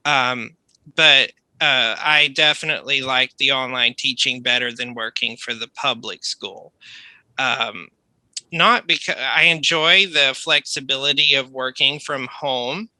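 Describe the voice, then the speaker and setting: An American man, an accent coach, explaining things in a measured, polite conversational way. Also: medium pitch, sharp tone, no echo, rough recording. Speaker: accent coach, online tutor.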